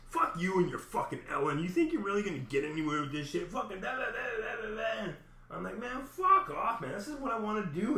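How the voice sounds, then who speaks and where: With a high, sharp voice, a man who has a big vocal presence retells a personal story in an agitated, rambling, casual way full of profanity. The recording is in an echoey room.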